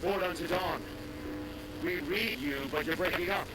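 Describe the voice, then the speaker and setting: A man's voice: on the high side, normal speed, background noise. An actor playing a male ship officer answering a call over a buzzy, glitchy radio link that keeps breaking up. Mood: urgent. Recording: distant radio voice over loud game music.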